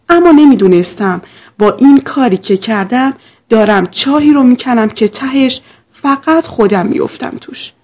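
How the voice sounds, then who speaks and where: A woman narrating a scripted first-person story in a steady, confessional way. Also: fairly high pitch.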